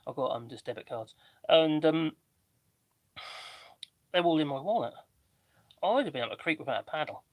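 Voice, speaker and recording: A man with a slightly mixed Norfolk English accent and a squeaky voice, chatting casually and ramblingly as he hosts a livestream. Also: animated, normal speed, pauses often, dry recording. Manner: rambling, chatty, self-interrupting. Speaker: livestream host doing DIY work.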